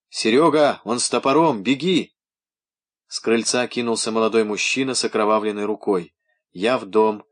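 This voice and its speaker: A man reading a novella aloud as a first-person narrator, in measured literary storytelling. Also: medium pitch. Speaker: audiobook reader.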